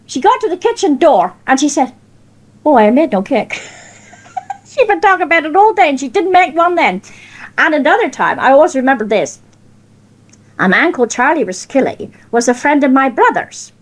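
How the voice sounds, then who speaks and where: A woman's voice: high voice, very animated, normal speed. An older woman with a broad West Country accent from Cornwall, telling informal anecdotes and acting out the conversations in dialect. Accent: Cornish West Country. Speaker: storyteller of personal anecdotes.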